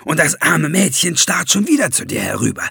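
A man's voice: fairly high pitch, wildly swooping pitch, slow, gravelly, bright, forceful tone, husky, no echo, clean studio sound, voice pushed up, heavily acted. A man voicing a scheming, gloating male dwarf in an audiobook, sneering and mocking with greedy glee. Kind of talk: audiobook character voice.

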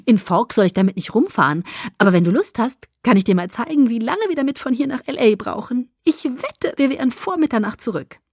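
A bubbly teenage vampire girl chirps in a high, sing-song voice, as a woman reading an audiobook puts her on. Her lines bounce up and down with lively glee, close and dry with no room sound. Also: a little fast, husky, no echo. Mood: gleeful. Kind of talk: audiobook character voice.

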